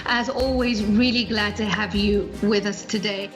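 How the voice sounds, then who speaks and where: A woman hosting a show, thanking her team and viewers in a heartfelt, halting way. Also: medium pitch, fairly even intonation, music in the background. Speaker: host. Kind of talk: emotional sign-off to viewers.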